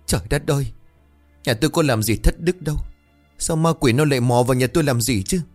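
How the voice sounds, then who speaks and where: A man's voice: mid-range voice, fairly quick, faint music behind, voice pushed up, natural voice. A man voicing a frightened village woman who is crying. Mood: wailing. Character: village woman, terrified and wailing.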